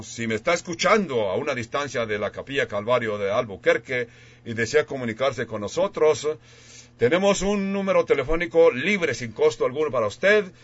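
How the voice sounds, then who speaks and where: A man preaching as a radio pastor, slowly leading his listeners in a solemn altar-call prayer they repeat after him. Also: on the high side, muffled recording.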